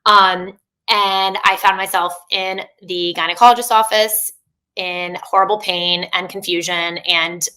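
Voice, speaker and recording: On a rough recording, a woman in her thirties, a coach, speaks unhurriedly in a medium-pitched, steady and sharp voice. She's a podcast guest in a candid casual interview, chatting openly with many fillers and restarts.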